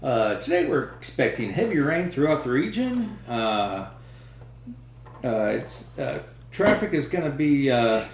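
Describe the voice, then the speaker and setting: A man's voice: medium pitch, sing-song, a little slow, gravelly, echoey room, a little hiss or hum. A man putting on a radio weatherman's voice, breezy announcer cadence with hesitant fillers. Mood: upbeat.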